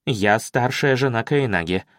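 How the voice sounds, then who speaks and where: Мужчина озвучивает надменную старшую жену, говорящую твёрдо и ехидно. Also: male voice, medium pitch, unhurried, no echo, clean studio sound, lightly acted. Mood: firm. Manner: firm, snide. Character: haughty senior wife, grown woman.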